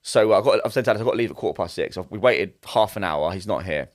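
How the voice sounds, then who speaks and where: Fast-talking young man. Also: sits low, animated. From England. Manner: rambling anecdote with many restarts. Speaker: podcast co-host. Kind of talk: casual chat.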